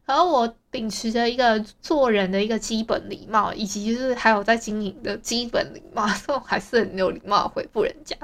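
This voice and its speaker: Taiwanese girl rambling thru her podcast diary, kinda high voice, super chatty. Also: fairly quick, few pauses. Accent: Taiwanese Mandarin. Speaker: podcast host. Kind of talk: casual audio diary.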